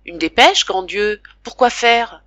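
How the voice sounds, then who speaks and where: Scared little schoolboy, a lady reading puts him on, higher up, pleading and breathless, bright clear tone, dry close sound. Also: very animated, takes it slowly, dry recording, highs cut off, exaggerated voice. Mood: anxious. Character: frightened young schoolboy, earnest and anxious.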